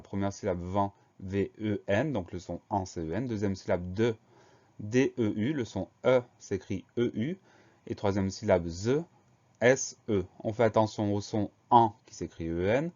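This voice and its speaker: A man teaching a spelling lesson, spelling each word letter by letter in a slow, deliberate way. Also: on the low side, mellow. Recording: dull lo-fi recording.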